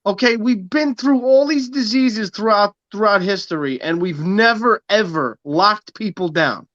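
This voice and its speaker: A man's voice: sits high, a little slow, fairly bright tone, no echo, dull audio. Emphatic ranting man in his thirties. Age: 30s. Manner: emphatic, preachy, swearing. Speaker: podcast host. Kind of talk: casual podcast rant.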